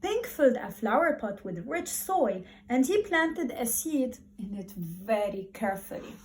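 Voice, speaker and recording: A woman who teaches primary school addresses young kids warmly and expressively, reading aloud and repeating words for emphasis. Her voice leans high and she takes her time. There's slight background noise.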